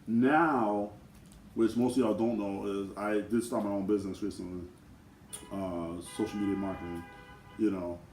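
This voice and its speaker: A man co-hosting a casual question-and-answer video with his twin brother, talking in a relaxed, slangy way. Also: lowish voice, moderate pace, recorded from a distance, soft background music. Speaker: co-host twin. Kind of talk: casual Q&A chat. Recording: echoey room with faint noise.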